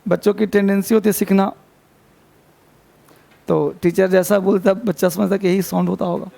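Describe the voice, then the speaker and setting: A man's voice: high-pitched, little pitch movement, moderate pace, gravelly, mellow. A man teaching an English grammar class to students in a classroom, repeating points and scolding chatter affectionately. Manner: addresses students as babu, chiding and repeating.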